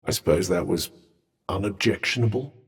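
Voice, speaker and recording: A man's voice: low voice, moderate pace, slightly rough. A British man voicing a haughty, disembodied magic cuff, a pompous, dry and sarcastic video game companion who speaks eloquently. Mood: dry disdain. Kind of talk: scripted video game voice lines.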